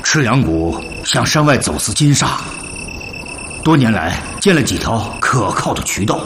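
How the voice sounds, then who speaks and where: Wily old bandit, deferential, swooping voice. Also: male voice, medium pitch, sing-song, normal speed, noisy background. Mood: confiding, resigned. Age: older. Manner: deferential, hedging, theatrically earnest. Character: captured old male bandit second-in-command, wily, deferential, pleading. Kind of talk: television drama acting.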